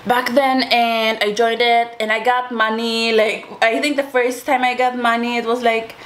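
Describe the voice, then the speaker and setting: A young woman with a fairly high voice talks casually to her viewers. She tells a personal story in an informal, chatty way, addressing the listeners directly. A little background noise sits behind her voice. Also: little pitch movement, moderate pace, fairly bright tone. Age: young adult. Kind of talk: casual storytime chat to camera.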